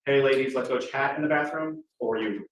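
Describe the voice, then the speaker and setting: A man's voice: mid-range voice, a little fast, muffled recording, a little hiss or hum. Guy cross-examining on a courtroom recording, folksy and chatty, very echoey, mic far off. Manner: folksy, conversational questioning. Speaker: defense attorney. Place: large courtroom, indoors.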